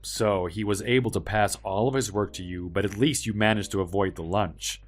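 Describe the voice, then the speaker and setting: An actor playing a polite, helpful young office worker with quiet backbone, speaking in an earnest, measured way in a dramatized story. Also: male voice, lowish voice, soft background music, close to an everyday voice. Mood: kind, supportive.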